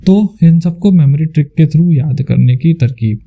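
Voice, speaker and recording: A man narrating a scripted lesson as a teacher, explaining in a clear, measured way. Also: fairly high pitch, dark tone.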